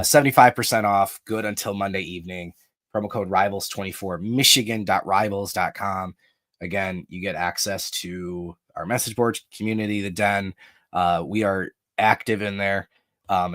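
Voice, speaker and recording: Chatty low-voiced man hosting a podcast. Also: fairly bright tone, no room sound. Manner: chatty, self-deprecating, pitches subscriptions. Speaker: podcast host. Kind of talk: casual sports podcast chat.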